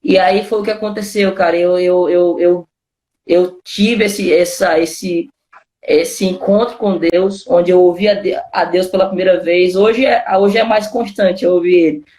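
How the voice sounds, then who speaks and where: This pastor, who has a Brazilian accent, tells his testimony casually, his storytelling loaded with the fillers "cara" and "né." He speaks a little slowly in a high, steady, slightly mellow voice, and the sound is roomy.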